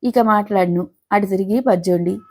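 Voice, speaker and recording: A woman's voice: mid-range voice, moderate pace, darkish tone, natural voice. A woman voicing a playful, mischievous young wife who coaxes and teases her husband. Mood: teasing. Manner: coaxing, mischievous.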